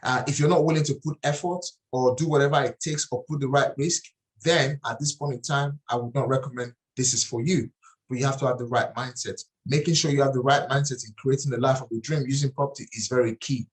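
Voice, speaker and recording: Speaking fast in a steady, medium-pitched voice, a middle-aged Nigerian man with a Nigerian accent, whose first language is Nigerian, earnestly presents a property investing webinar. He often repeats and restarts phrases, and the recording is rough.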